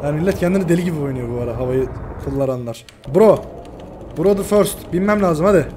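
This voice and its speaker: A man commentating his own shooter gameplay, excitable, swearing and shouting at his teammates. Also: a little high, quick pace, a little hiss or hum. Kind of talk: live gaming commentary.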